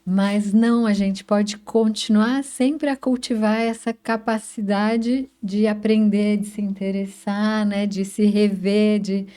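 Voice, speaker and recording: A Brazilian woman speaking calmly and in a measured way on a discussion panel. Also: mid-range voice, clean tone. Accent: Brazilian Portuguese. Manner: calm, measured, with frequent "né".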